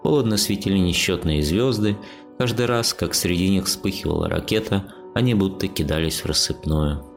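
A man narrating an audiobook story in a measured storytelling manner. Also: low voice, vocal fry, faint music behind. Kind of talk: scripted narration.

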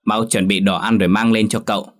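Một người đàn ông giả giọng cô vợ trẻ kiêu căng, nói chua ngoa, khinh khỉnh. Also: male voice, lowish voice, steady tone, fast talker, natural voice. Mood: scornful. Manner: sharp, scornful. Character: haughty young woman, arrogant singer-wife.

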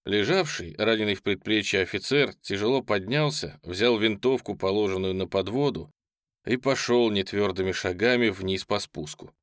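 A man narrating a novel as an audiobook, expressive storytelling. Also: on the low side, normal speed, dry recording, studio quality.

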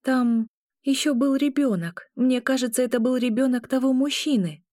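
A woman's voice: high voice, normal speed, dark tone, dry recording, studio quality, voice pushed up, natural voice. A woman voicing a frightened young woman waking from a nightmare, talking breathlessly and pleadingly. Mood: anxious. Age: young adult.

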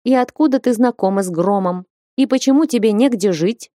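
A woman voicing a bold, strapping young northern warrior woman who speaks loudly and bluntly in an audiobook. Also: medium pitch, brisk, no room sound, studio quality, pitched above the performer's own voice, natural voice. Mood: friendly. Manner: loud, hearty and blunt.

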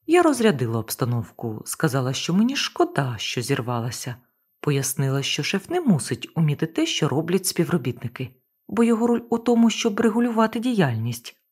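A woman reads a first-person novel aloud as an audiobook, in a low, husky voice. Her intonation rises and falls widely, giving the narration an expressive lift. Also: a little fast. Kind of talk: audiobook reading.

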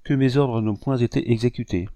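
A man's voice: mid-range voice, fairly quick, warm tone, dry recording, voice pushed up, lightly acted. A man reading an audiobook voices a proud rebel commander who speaks with haughty, restrained menace. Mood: stern.

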